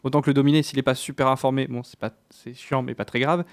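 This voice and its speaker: A man on a panel explaining his views casually, in halting stretches with self-corrections. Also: medium pitch, flat delivery. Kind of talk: casual discussion.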